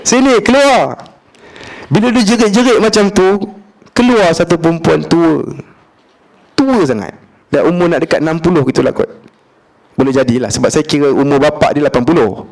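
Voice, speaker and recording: A man's voice: fairly high pitch, fairly quick, vocal fry. A man with a Malaysian accent giving a religious lecture, telling a story with humor, acting out the dialogue and mixing in English words. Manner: lively, humorous, acts out dialogue; colloquial, mixes in English words. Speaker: preacher.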